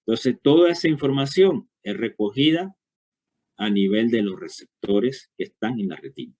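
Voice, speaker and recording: A man's voice: medium pitch, expressive, moderate pace, a little mellow. A man giving a university lecture, explaining step by step and checking understanding with frequent short questions.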